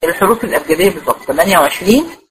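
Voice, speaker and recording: A woman's voice: on the low side, lively intonation, racing, slight background noise, poor audio. An Egyptian woman teaching a tajweed lecture to female students, explaining step by step and often checking that they follow. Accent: Egyptian Arabic. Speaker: Quran recitation teacher.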